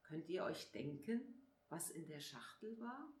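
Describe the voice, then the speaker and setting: A woman reading a children's story aloud in a calm, clear storybook manner. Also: low voice, measured pace, slight background noise. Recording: echoey room.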